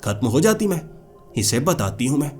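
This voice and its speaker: A man's voice: medium pitch, very animated, moderate pace, darkish tone, soft background music, lightly acted. A man voicing a cursed, hot-tempered old female witch spirit who talks in a pleading, lovelorn way in a spoken horror story.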